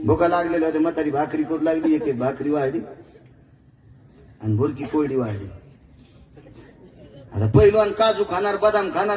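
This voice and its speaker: Man, kirtan preacher, high voice, far from mic, crowd around. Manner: joking, chuckling storyteller. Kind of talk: humorous devotional sermon storytelling. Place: live gathering. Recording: distant mic with crowd noise.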